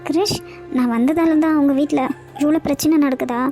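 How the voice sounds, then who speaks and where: Cartoon young wife played by a woman, tearful and insecure, pleading, very high voice, faint music behind. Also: fairly even intonation, fairly quick, dark tone. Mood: plaintive. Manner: plaintive, pleading.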